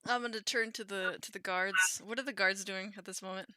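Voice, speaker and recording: A woman player in a tabletop game, chatty and quick to laugh. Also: mid-range voice, steady tone, sharp tone, no room sound.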